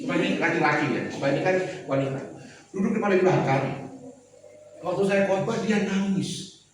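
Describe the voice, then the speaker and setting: A middle-aged male pastor preaching a lively sermon, joking and speaking directly to the congregation. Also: high-pitched, fairly quick, background noise. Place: church hall. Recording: echoey church hall from far off.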